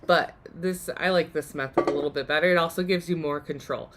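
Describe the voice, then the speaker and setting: A woman hosts a live DIY demonstration in a chatty, upbeat way, her voice strained because she is losing it. Her voice sits somewhat low. Faint background noise hangs behind her. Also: steady tone, brisk. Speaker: workshop host.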